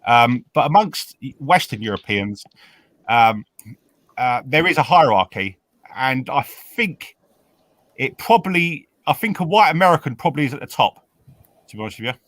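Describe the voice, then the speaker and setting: A man from England in a casual group chat, pausing and repeating words as he thinks aloud over a remote call. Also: medium pitch, big pitch swings, fairly bright tone, no echo.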